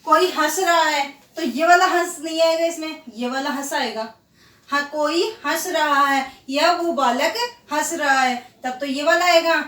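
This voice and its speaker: A woman teacher giving a grammar lesson to children, slowly repeating example words and answering her own questions. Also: high voice, a bit bright, recorded from a distance. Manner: slow, drawn-out repetition of example words; asks questions and answers them herself. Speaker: school teacher. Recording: echoey room, voice set back from the mic.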